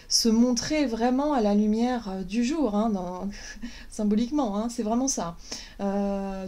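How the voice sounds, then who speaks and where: Soft-toned woman reading cards. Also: a little high. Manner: hesitant, many fillers and restarts, gentle and encouraging. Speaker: tarot and oracle card reader. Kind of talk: casual spiritual guidance talk.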